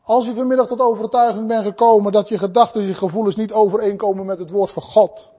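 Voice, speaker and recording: Preacher guy, really high voice, fervent sermon going loud then soft. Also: steady tone, fast, slightly rough.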